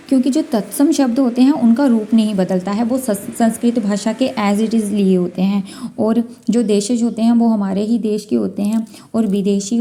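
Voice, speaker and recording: A woman's voice: mid-range voice, warm tone, a little hiss or hum. A woman teaching a Hindi exam-prep lesson, going through questions one by one, repeating key words and sounding out letters as she explains.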